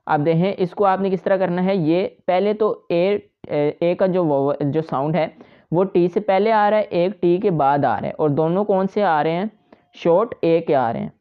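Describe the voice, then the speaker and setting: A woman's voice: lowish voice, smooth, lo-fi sound. A woman teaching shorthand step by step, patiently repeating each point to her students. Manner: patient, repetitive explaining to students. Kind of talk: step-by-step tutorial.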